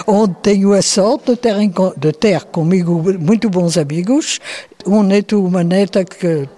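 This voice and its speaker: Very old woman, slow and reflective. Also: medium pitch, warm tone. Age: 90s. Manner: slow, thoughtful, with hesitations and restarts. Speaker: interviewee. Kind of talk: reflective interview answers.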